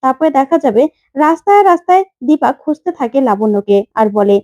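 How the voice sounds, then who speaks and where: High-voiced woman retelling a serial. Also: a little fast, no echo. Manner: steady storytelling. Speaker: narrator.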